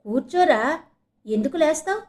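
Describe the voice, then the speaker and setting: A woman's voice: sits high, expressive, normal speed, a little mellow, voice pushed up. A woman narrator voicing teasing male college seniors mocking a newcomer. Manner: mocking, raised voice.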